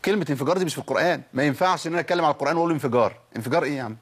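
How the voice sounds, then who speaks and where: A husky-voiced man with an Egyptian accent teaches Quran recitation at a quick clip. He fires questions at his listeners, answers them himself, and repeats letters and words to show how they should sound. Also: a little high. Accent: Egyptian Arabic. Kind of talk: tajweed lesson with spoken demonstrations.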